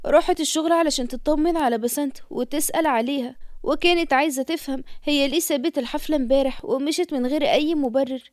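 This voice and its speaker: A woman with an Egyptian accent tells a scripted story in a brisk, expressive way. Her voice sits high and moves quickly, recorded close and dry. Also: no echo. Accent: Egyptian Arabic.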